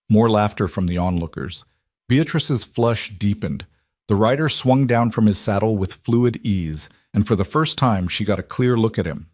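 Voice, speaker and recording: A man reading a western story aloud as narrator, in a measured, even storytelling manner. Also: lowish voice, no room sound, clean studio sound. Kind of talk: scripted narration.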